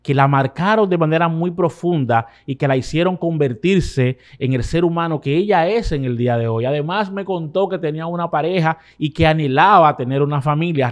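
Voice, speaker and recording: A man hosts his own interview channel and looks back over the year's conversations in a relaxed, conversational way. His voice is a little high for a man, and he tells it like a personal recap to his viewers. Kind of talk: reflective recap narration.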